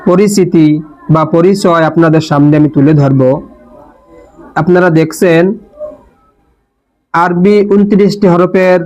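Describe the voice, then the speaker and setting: Man, teacher, slow deliberate lesson, repeats and stretches sounds, dull lo-fi recording. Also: on the high side, darkish tone. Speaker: Quran teacher. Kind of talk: slow instructional lesson on letter pronunciation.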